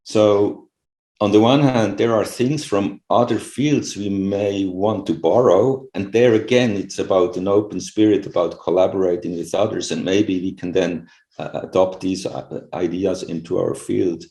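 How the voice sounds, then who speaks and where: Speaking at a measured pace in a deep, dark voice with fairly even intonation, the Swiss scientist, middle-aged and not a native English speaker, responds to interview questions in a reflective, chatty manner peppered with "you know" and "right?". Echo from the room is audible.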